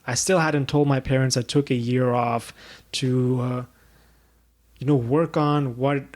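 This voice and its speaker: A young man from Pakistan speaks in an earnest, searching way on his own podcast. His voice sits at an ordinary middle pitch, and he pauses often with fillers as he reflects on his path. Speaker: podcast host. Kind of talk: reflective solo podcast monologue.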